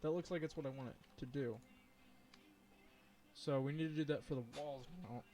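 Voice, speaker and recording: A man's voice: a little high, fairly even intonation, brisk, dark tone, faint music behind. A man streaming live as he codes, thinking aloud and chatting with viewers, with plenty of ums and hesitations. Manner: rambling, thinks aloud, says um a lot; chats and laughs with viewers. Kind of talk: live coding stream commentary.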